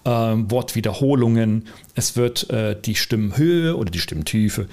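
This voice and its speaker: A man co-hosting a podcast, talking casually in an animated, rambling way with many fillers and restarts. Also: fairly low pitch, unhurried. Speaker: podcast co-host, lecturer. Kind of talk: casual conversational podcast talk.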